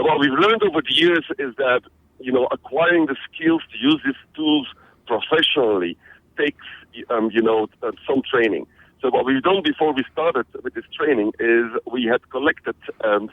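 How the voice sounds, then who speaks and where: A middle-aged man from Belgium, a guest on a radio interview, talking energetically with many restarts and fillers. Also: medium pitch. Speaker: interview guest, social media trainer. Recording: phone-like narrow band audio.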